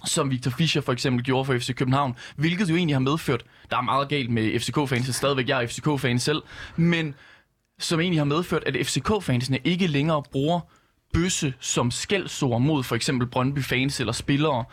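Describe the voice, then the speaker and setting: A man with a slightly hoarse voice, speaking earnestly in a political panel debate with many fillers. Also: mid-range voice. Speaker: youth politician.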